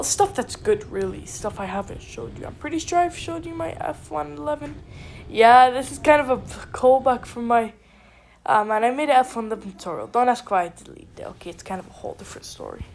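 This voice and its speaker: A woman giving casual gameplay commentary with a stuffy nose, rambling and excitable, often cutting herself off. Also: a little high, creaky, slight background noise. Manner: rambling, excitable, self-interrupting. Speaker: gaming video creator.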